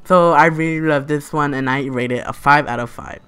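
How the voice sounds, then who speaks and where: A man's voice: a little high, fairly even intonation, normal speed. A man giving a casual, gushing voice-over product review, peppering it with "like", "super" and "you guys". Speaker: slime shop reviewer, video host.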